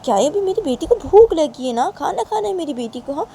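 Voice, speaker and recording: A woman voices a fussy, tearful middle-aged mother in a spoken storybook. She talks high and loud, coaxing and repeating herself insistently. The tone stays mellow and soft-edged. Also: big pitch swings, a little fast, slight background noise.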